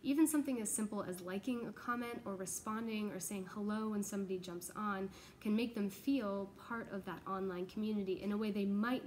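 A young American woman with a mid-range, slightly mellow voice gives an earnest, explanatory video update in her role as a church pastoral associate. The tone is informal. Slight background noise comes through from the large open indoor office with exposed ductwork.

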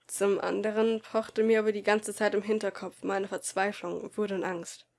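A woman narrates a first-person story in a soft, subdued voice, often sinking toward quiet. Her reading stays emotional and earnest, with an ordinary mid-range pitch. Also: flat delivery, normal speed. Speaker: audiobook reader.

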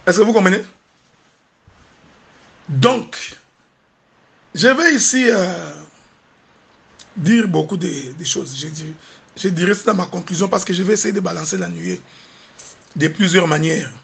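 A male preacher with a Congolese French accent delivers a sermon in a high, slightly husky voice. He speaks slowly and works up to emphatic, animated peaks, checking again and again that his listeners follow him. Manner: asks the congregation "do you understand?".

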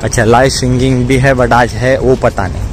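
Young guy vlogging, chatty upbeat, phone at arm's length, loud music all around. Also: mid-range voice, flat delivery, moderate pace. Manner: chatty, upbeat touring commentary. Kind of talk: casual walk-around food vlog. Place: large open-air restaurant at night. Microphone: phone held at arm's length. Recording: loud music and crowd behind.

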